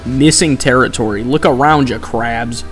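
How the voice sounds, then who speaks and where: A man's voice: mid-range voice, moderate pace. A young man live-streaming a game, chatting casually and sarcastically while reading chat aloud. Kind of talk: casual gameplay commentary. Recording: faint background music.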